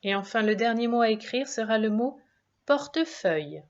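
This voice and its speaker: Woman teacher doing a kids spelling dictation, a bit high voice, encouraging, muffled lo-fi recording. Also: fairly even intonation. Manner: slow, careful, syllable by syllable. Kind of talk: spelling dictation lesson for young children. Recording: dull lo-fi sound.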